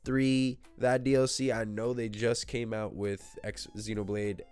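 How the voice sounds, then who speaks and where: Faint music plays behind a gaming channel host whose nose is blocked by a cold as he rambles, jokes and pokes fun at himself while speculating solo into a desk microphone. He speaks a little slowly in a flat, mid-range voice that's slightly mellow, clear and resonant.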